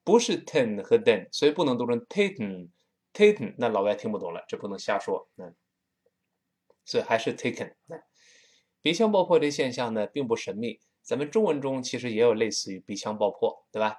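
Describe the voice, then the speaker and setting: This male teacher, a Tianjin native with the local accent, runs a spoken English class in an energetic voice with lots of pitch movement. When it's time to practice pronunciation, he deliberately slows down and drills each word.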